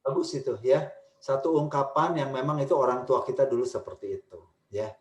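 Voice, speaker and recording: A man answering questions as a speaker in a church family webinar, talking emphatically and stressing points with pitch. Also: brisk, darkish tone, reverberant. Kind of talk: webinar Q&A talk.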